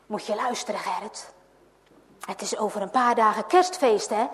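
A woman voicing a busy, cheerful middle-aged farmer who talks in a brisk, friendly way. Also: mid-range voice, close to an everyday voice. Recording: long hall reverb.

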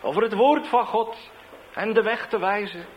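A man, a street evangelist, tells a testimony in an animated storytelling way, swinging between loud bursts and hushed asides. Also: high-pitched, moderate pace, poor audio.

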